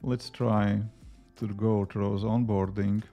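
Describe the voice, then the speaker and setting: Lo-fi sound and faint music frame this lowish, slow voice with a level tone. The speaker, a native Latvian with a Latvian accent who develops apps on a livestream, casually answers viewer questions between coding tasks, rambling with many fillers.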